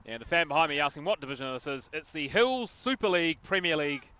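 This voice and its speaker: A man giving chatty live commentary on a local football match outdoors, with jokey asides and excited bursts at chances. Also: a little high, fast talker. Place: outdoors at a local sports field. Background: passing traffic.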